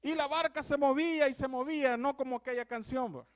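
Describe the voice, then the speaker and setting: A young male preacher with a Salvadoran accent delivers a fervent sermon in a fairly high voice. He moves between loud, ringing exclamations and quiet, heartfelt passages, as if speaking from a church pulpit. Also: steady tone, a little fast. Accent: Salvadoran Spanish. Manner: swings from loud exclamations to hushed, earnest tones.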